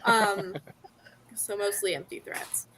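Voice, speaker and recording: Slow-talking woman playing a tabletop game. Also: mid-range voice, fairly even intonation, bright, forceful tone, a little hiss or hum, rough recording. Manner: slow, laughing, playful. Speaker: player. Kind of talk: casual tabletop play.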